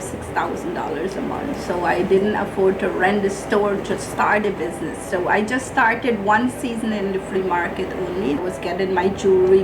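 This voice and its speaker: A middle-aged woman with a Guyanese accent, a small business owner being interviewed, tells her own story in plain, colloquial answers. Her voice is mid-range, and the background is noisy, with music playing.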